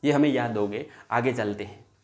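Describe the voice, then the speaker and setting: A man's voice: mid-range voice, moderate pace, darkish tone. A male teacher giving a classroom lesson, repeating each point and drawing out example sounds, calling viewers his friends. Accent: Hindi.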